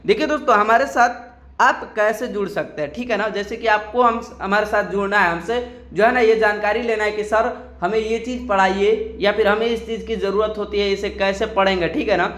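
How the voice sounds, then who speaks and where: High-voiced man teaching in an echoey room. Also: fairly even intonation, brisk, a bit bright. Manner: repetitive, checks in with "theek hai na" and "kya dosto". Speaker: English teacher. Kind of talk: explanatory lesson.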